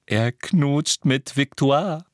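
A man voicing an excitable young boy who talks breathlessly, bursting with news, in an audiobook reading. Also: mid-range voice, normal speed, husky, no echo, studio quality. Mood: excited. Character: excitable boy, eager and loud.

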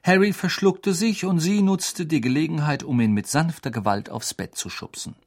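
A man narrating an audiobook in an expressive, lively storytelling style. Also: fairly high pitch, moderate pace. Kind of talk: scripted narration.

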